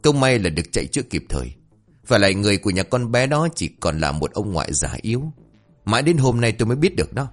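Nagging middle-aged wife, sharp tongue; male storyteller doing the voice. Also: fairly low pitch, sing-song, fast talker. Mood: scolding. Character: irritable middle-aged woman, scolding wife.

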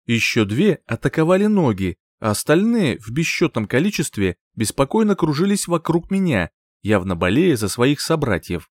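A man narrating a fantasy audiobook in the first person, with an expressive, lively reading. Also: mid-range voice, normal speed, no room sound, studio quality.

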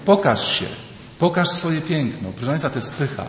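A man, a priest, giving a lively retreat sermon, often acting out the people he quotes. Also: on the high side, normal speed. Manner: animated, mimics voices in quoted dialogue. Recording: echoey hall, faint ambience.

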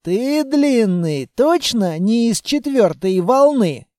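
Guy reading an audiobook doing a rough bossy wiry dude, gruff slangy mocking, dark dry sound. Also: very high voice, big pitch swings, slow pace, no echo, full character voice. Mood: scornful. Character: brash wiry adult male scavenger, bossy and mocking. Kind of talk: audiobook character voice.

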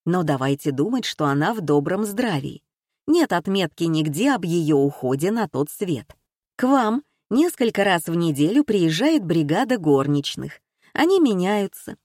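A woman voicing a male investigator who gives brisk, calm orders. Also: fairly low pitch, no echo, clean studio sound. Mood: reasoning.

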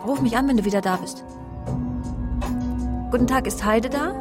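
A woman with a fairly high, nearly everyday voice speaks at a moderate pace over loud music. She is an actress voicing a vain, self-assured female journalist in a radio crime drama, justifying herself in a confiding yet imperious way. Her mood comes across as composed and breezy.

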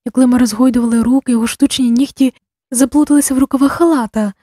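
Mellow, breathy woman narrator. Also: sits high, steady tone, racing, no room sound, studio quality. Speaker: audiobook narrator. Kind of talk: audiobook narration.

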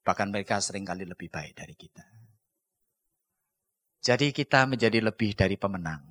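A middle-aged pastor preaching in a church, telling a story and acting out its voices, swinging from shouts to hushed asides. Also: male voice, on the low side, animated, a little fast. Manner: acts out voices in his stories. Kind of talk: sermon with storytelling.

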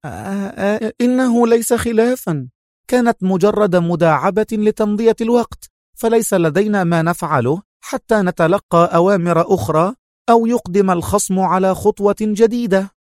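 A man voicing a proud, sharp-tongued young woman agent in an audiobook, speaking in a teasing, brisk way. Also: sits high, no echo, studio quality, voice pushed up, natural voice. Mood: embarrassed.

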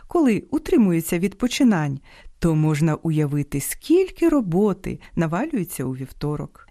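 A woman hosting an educational radio program, reading a script in a measured, precise way. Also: on the low side, dark tone, no room sound, studio quality. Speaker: radio host. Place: radio studio.

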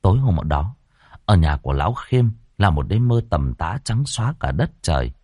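A man narrating a horror story in a low, lively voice that rises and falls a lot. His telling is expressive and animated, and the sound is dry and close. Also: moderate pace, dry recording.

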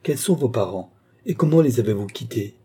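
Man reading as a stately prioress, calm and firm, dark husky voice. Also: mid-range voice, fairly quick. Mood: gentle. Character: dignified royal prioress of a convent. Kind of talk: audiobook character reading.

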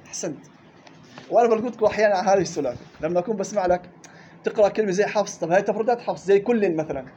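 A man teaching a tajweed lesson in a classroom, listing reading variants briskly and drawing out the recited words slowly. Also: sits high, dark tone, lo-fi sound, slight background noise.

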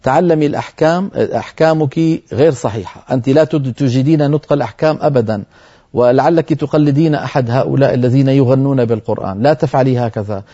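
A man teaching Quran recitation on a TV program, answering viewer questions firmly and reciting verses slowly to demonstrate. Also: mid-range voice, warm tone, lo-fi sound.

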